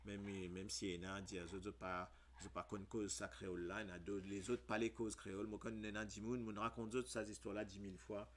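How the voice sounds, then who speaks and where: A man with a Mauritian Creole accent hosting a casual radio lesson, spelling words out letter by letter and pausing often on fillers. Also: lowish voice, flat delivery, slight background noise.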